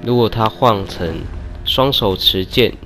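A lower-pitched man talks through his gameplay in a casual let's-play style. He jokes with enemies and bursts out in loud groans at every setback. Game music plays clearly behind him. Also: unhurried. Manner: excitable, shouts and groans at deaths, teasing banter with enemies. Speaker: gaming YouTuber.

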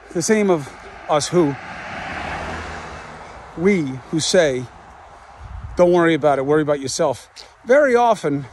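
Out on a walk, a man in his fifties who hosts a podcast reflects in a monologue, musing and asking rhetorical questions. His voice is a little high and a little mellow.

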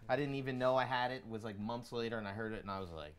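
A man's voice: medium pitch, very fast, fairly bright tone, smooth. A young man chatting casually with friends in a small room, picked up by a camera mic. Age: young adult. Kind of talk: casual chat among friends. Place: small cluttered living room indoors. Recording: faint room noise.

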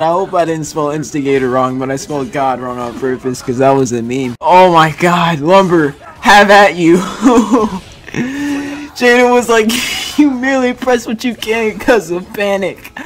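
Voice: medium pitch, unhurried. A young adult gaming streamer reading chat messages aloud in casual, slangy commentary, often breaking into laughter.

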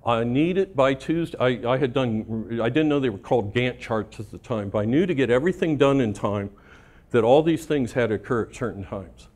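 A middle-aged man spinning workplace anecdotes at a conference, his voice sitting at an ordinary middle pitch. He talks casually and swears freely, laughing at his own stories. He keeps tossing "right?" to the crowd. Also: a little fast, a little mellow. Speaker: conference speaker. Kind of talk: storytelling talk to a live audience.

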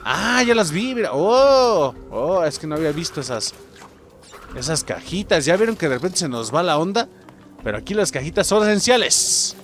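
Excitable Mexican gamer with a lively voice. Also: male voice, on the high side, normal speed, soft background music. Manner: excitable, chatty, often calls out to viewers. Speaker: gaming YouTuber. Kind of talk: let's play commentary.

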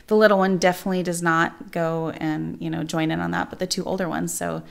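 A woman's voice: lowish voice, little pitch movement, brisk, creaky. A woman in her thirties chatting informally as a panelist, often saying "like". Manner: informal, peppered with "like". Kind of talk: casual chat. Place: living room, seated at a round table. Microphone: table-mounted microphone.

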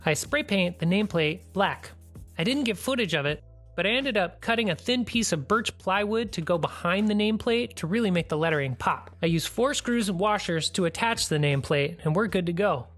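Calm, practical DIY tutorial narrator. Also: medium pitch, a little fast, faint music behind. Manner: plain, practical step-by-step explaining. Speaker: DIY channel host. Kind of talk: scripted tutorial voice-over.

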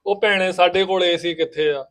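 A man playing a village husband caught between his wife and his sister, talking in a rapid, pleading way in a family skit. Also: high-pitched, steady tone, a bit bright.

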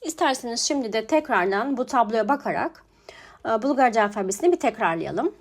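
A young woman teaching a language alphabet lesson, pronouncing each word slowly and repeating it twice. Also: on the high side, expressive. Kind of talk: slow spoken alphabet lesson.

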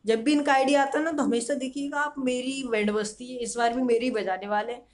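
A man's voice: very high-pitched, fairly even intonation, brisk, voice pushed down. Young man playing a whiny pleading teenage son. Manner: whining, pleading.

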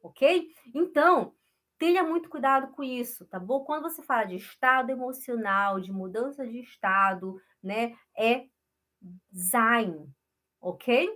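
A woman teaching German in a live online lesson, switching between quick chatty explanation and slow, careful drills, acting out small dialogues with her students. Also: a little high, a bit bright. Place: home.

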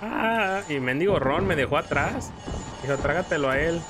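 His voice sits on the high side and he sounds animated, keeping a moderate pace while video game music plays. This Mexican-accented gaming creator fills the playthrough with jokes and playful exclamations.

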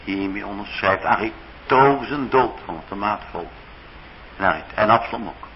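A man's voice: lowish voice, lively intonation, normal speed, lo-fi sound, a little hiss or hum. A man with a Dutch accent preaching a sermon in a church, acting out the biblical figures' speech dramatically. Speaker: pastor.

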